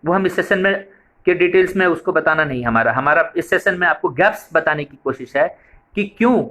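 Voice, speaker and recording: A man's voice: a little high, expressive, a little fast, pushed and bright. A man giving a training lecture on a preschool method, explaining step by step and repeating points for emphasis.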